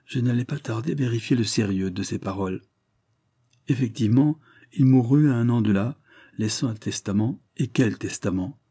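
A man reading the part of a smooth-talking adult male con man who spins his story in an earnest, persuasive way. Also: mid-range voice, moderate pace, warm tone, no echo, clean studio sound.

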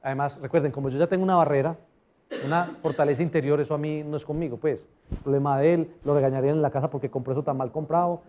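A man speaking at a live customer service seminar, his pitch a little higher than most men's. He talks in an animated way and keeps asking the audience questions. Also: fast, highs cut off, slight background noise. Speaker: motivational speaker.

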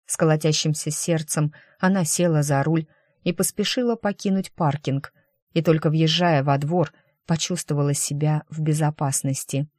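A narrator reading a story aloud in an even, steady audiobook style. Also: medium pitch, normal speed, no room sound, clean studio sound.

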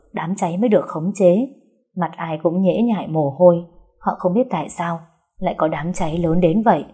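A woman narrating a story in a steady, scripted read. Her voice is low, dark and husky. The delivery stays even throughout.

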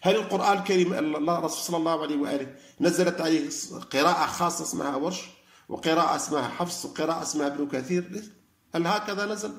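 Guy lecturing quick, gravelly voice, echoey room. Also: fairly high pitch. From Algeria. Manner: animated, argumentative, asks rhetorical questions. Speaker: lecturer on Quran study. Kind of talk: religious lecture.

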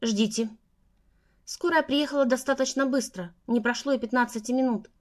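A woman narrating a first-person story as an audiobook in a steady storytelling manner. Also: sits high, fairly quick.

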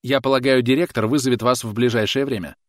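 A man voicing a prim, indignant female schoolteacher in an audiobook, talking in a shrill, huffy and outraged manner. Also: steady tone, quick pace, no room sound, clean studio sound, lightly acted.

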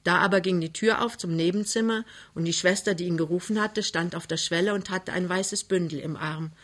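A middle-aged woman reads a novel aloud, giving the characters their own voices with plenty of feeling. Her voice sits a little low for a woman. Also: a little fast, a bit bright. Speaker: narrator. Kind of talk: audiobook reading of a novel.

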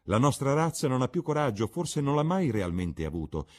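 A man's voice: mid-range voice, big pitch swings, moderate pace, darkish tone, voice pushed up. A man doing a cynical witty aristocrat. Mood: lecturing. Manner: ironic, lecturing. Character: witty aristocratic older gentleman, cynical, languid.

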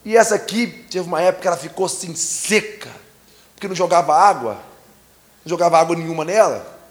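A preacher tells a story at a youth congress. He speaks in a slightly high, lively voice. He acts out the action with sound effects. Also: fast talker. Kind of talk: storytelling sermon. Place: conference stage.

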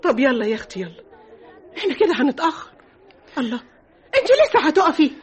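An actress with an Egyptian accent playing an impatient young woman passerby who scolds her friend briskly in a radio drama. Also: high voice, very animated, a faint crowd. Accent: Egyptian Arabic.

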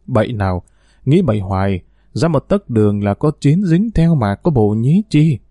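A man voicing a doting male lover who answers in a low, soothing way. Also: very animated, normal speed, dark tone, no echo, clean studio sound.

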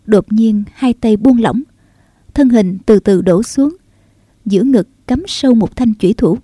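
A woman narrating a martial arts novel in a steady, measured reading. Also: on the high side, no room sound, studio quality. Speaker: audiobook narrator.

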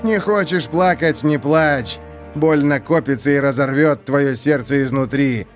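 A man's voice: medium pitch, measured pace, soft background music, natural voice. A man voicing a scheming, mocking male prison warden who gloats in a theatrical, mock-polite way.

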